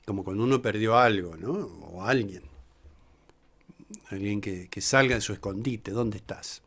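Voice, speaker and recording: A man, a priest teaching a Bible class in a slow, reflective way, pausing often and reading verses aloud. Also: on the low side, fairly bright tone, husky.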